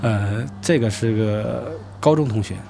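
A man telling a first-person story in an unhurried, conversational way, often restarting his sentences. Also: fairly low pitch, gravelly, music in the background. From rural Hebei, China.

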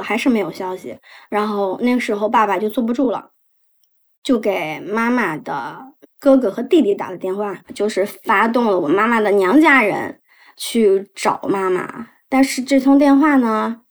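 A young woman telling a painful personal story, halting and emotional with many restarts. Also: medium pitch.

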